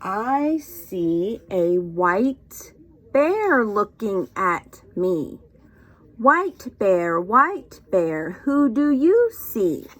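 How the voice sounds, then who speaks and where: Speaking extremely slowly in a mid-range voice, a woman who leads children's storytime and teaches reads picture books to little ones. Her delivery is expressive, sing-song, and encouraging, full of questions for the listeners.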